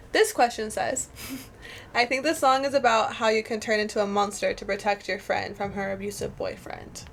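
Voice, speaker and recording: A woman's voice: medium pitch, fairly even intonation, moderate pace, creaky, pauses often, slight background noise. A woman hosting a casual interview, upbeat, reading listener questions aloud to her guest. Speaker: interview host.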